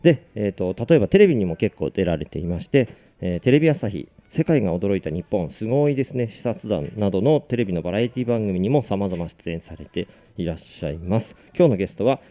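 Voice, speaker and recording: Brisk low-voiced male radio host. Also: animated, dark tone, no echo. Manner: brisk, frequent short backchannels. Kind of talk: radio interview.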